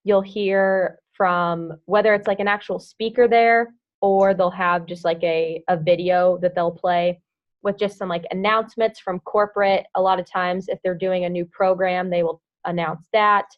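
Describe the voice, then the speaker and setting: A woman's voice: lowish voice, steady tone, normal speed. A young woman coaching her team on a casual call. She talks in a loose, chatty way, full of "like" and "um", and hums little filler sounds between thoughts. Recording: dull lo-fi audio.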